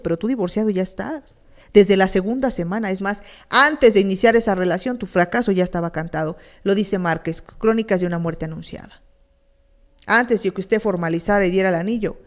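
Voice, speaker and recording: A woman's voice: medium pitch, darkish tone. A woman with a Mexican accent giving a blunt, emphatic motivational talk on a radio show, full of crude slang and runs of rhetorical questions.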